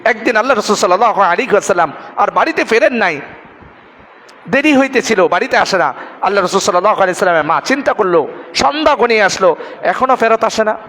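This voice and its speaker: A man's voice: high voice, fairly bright tone, in a large hall. A man giving a Friday sermon, telling a story dramatically and acting out the characters' words. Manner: dramatic storytelling, acts out quoted speech. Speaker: preacher.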